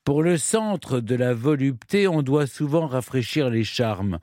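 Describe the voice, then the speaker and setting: A man putting on a slow, affected, prudish accent to voice a prim older woman who runs an 18th-century brothel. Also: medium pitch, lively intonation, darkish tone, no echo, clean studio sound, natural voice.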